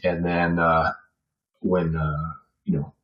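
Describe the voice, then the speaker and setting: The speaker is an American man in his forties from Virginia, a podcast guest who rambles through casual reminiscences dotted with "you know." His voice sits low, with a flat, slow delivery. The recording is muffled and sounds roomy and echoey.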